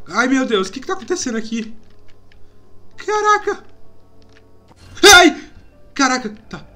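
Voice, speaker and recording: A woman with a Brazilian Portuguese accent playing a horror game for her channel, easily scared and quick to shriek and exclaim. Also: on the high side, very animated, a bit bright, faint music behind. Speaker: gaming YouTuber. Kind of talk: horror game let's-play commentary.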